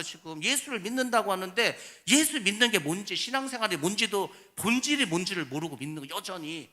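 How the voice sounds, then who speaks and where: Bright, forceful-voiced Korean pastor preaching. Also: male voice, high voice. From South Korea. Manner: conversational preaching, swings between loud emphasis and soft asides. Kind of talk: sermon.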